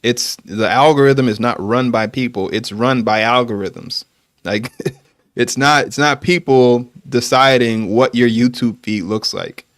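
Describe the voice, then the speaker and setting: Man explaining things in a measured way. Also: mid-range voice, no room sound, clean studio sound. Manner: explanatory, measured, with many fillers. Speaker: podcast host. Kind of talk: casual livestream chat.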